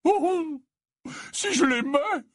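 A man's voice: extremely high pitch, wildly swooping pitch, slow pace, a little mellow, no echo, voice pushed up, heavily acted. A man voicing a fussy, emotional old male wizard teacher, stammering and full of exclamations in an audiobook. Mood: tearful. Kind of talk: audiobook character voice.

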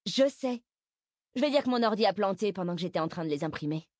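A woman voicing a moody, casual teenage schoolgirl in an audiobook, using quick slangy speech. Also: mid-range voice, animated, darkish tone, no room sound, clean studio sound, close to an everyday voice. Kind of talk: audiobook character voice.

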